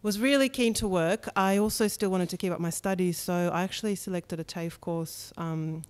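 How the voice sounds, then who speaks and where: A startup co-founder from Russia, appearing as a podcast guest, chats in a relaxed interview, candid and casual with frequent ums. Her smooth voice has a fairly low pitch and a moderate pace. She's in a bright studio room with a window, recorded on a studio mic on a boom arm.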